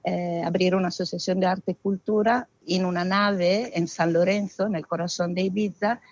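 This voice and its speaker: A woman's voice: lowish voice, steady tone, normal speed, a little mellow, lo-fi sound. A woman from Italy, answering interview questions expressively with frequent hesitations. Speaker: guest, arts festival founder.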